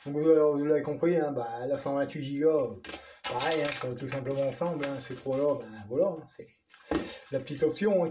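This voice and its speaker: A man with a northern French accent, chatting through an unboxing vlog, excited and stumbling over his words. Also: on the high side, background noise. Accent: Ch'ti. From northern France. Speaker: vlogger.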